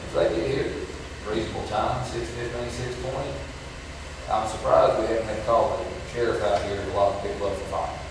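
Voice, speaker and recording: Echoey, low-voiced Appalachian man. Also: fairly even intonation, brisk. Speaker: local board member at a public meeting. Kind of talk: informal meeting discussion. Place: large echoing indoor meeting room. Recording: echoey hall, distant mic, noisy.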